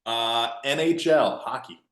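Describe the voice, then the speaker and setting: A man's voice: medium pitch, measured pace. A young man hosting a student sports podcast, chatting casually and joking with fillers. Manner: relaxed, joking, filler-heavy. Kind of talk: casual interview chat. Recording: echoey room.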